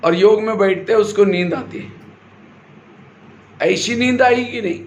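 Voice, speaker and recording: Male spiritual teacher, high voice, quizzes the audience and answers himself, echoey hall. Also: a little slow. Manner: asks the audience questions and answers them himself. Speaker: spiritual teacher giving a class. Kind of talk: sermon-style spiritual class. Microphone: handheld or stand mic. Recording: echoey hall with faint noise.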